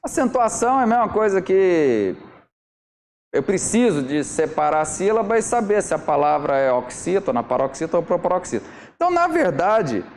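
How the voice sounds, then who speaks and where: A man's voice: high-pitched, darkish tone, a little hiss or hum. A man teaching exam prep, working through questions step by step and often checking that listeners are following.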